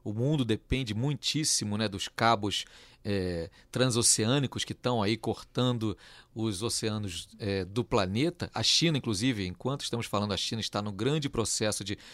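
A man hosting a news podcast, explaining in a measured way with frequent "é" fillers. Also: fairly low pitch, fairly bright tone, dry recording. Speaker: podcast host.

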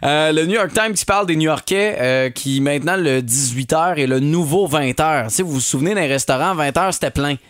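A man's voice: fairly high pitch, brisk, few pauses, a bit bright. A man with a Québécois accent co-hosting a radio show in loose, joking chat and reading out listener texts. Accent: Québécois French.

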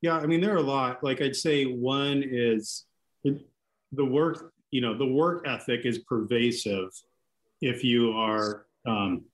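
A relaxed man from Seattle, whose first language is Greek, speaks as a guest on a casual podcast interview. His medium-pitched delivery is easygoing and halting, with many restarts and fillers, and the recording is rough.

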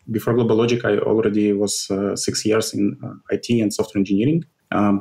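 A man answering podcast interview questions, pausing often with fillers and restarts. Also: on the low side, darkish tone. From Ukraine. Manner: halting, many fillers and restarts. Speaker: program director.

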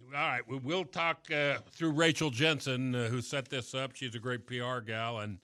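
A man hosting a casual live radio interview, talking in a loose, halting way. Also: mid-range voice, steady tone, bright, forceful tone, dry recording, clean studio sound. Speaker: radio show host.

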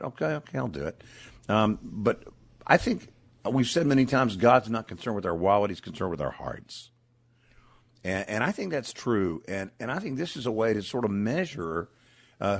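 An earnest man with a gravelly voice talking off the cuff on live radio, halting yet emphatic. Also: medium pitch. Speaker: radio fundraiser speaker. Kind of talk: unscripted live radio talk.

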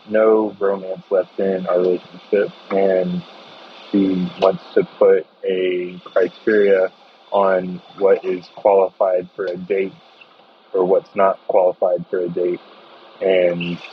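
A young man leaving a voicemail message as a caller, speaking earnestly and a little hesitantly. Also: sits low. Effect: played voicemail message. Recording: dull lo-fi voicemail with faint noise.

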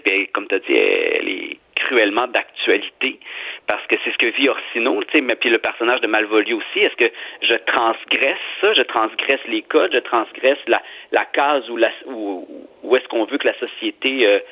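Québécois man on a phone line, halting. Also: medium pitch. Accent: Québécois French. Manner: thoughtful, rambling with many restarts and fillers. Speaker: theatre director, guest. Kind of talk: radio interview.

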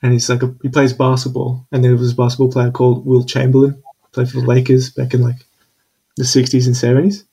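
A man's voice: medium pitch, completely flat delivery, a little fast, gravelly, mellow, husky. A young man in casual chat, laid-back and hesitant, with many fillers. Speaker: conversation partner.

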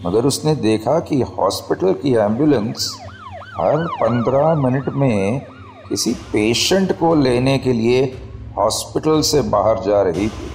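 A man narrating an audio drama in a measured storytelling manner. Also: mid-range voice, expressive, a little mellow, slight background noise.

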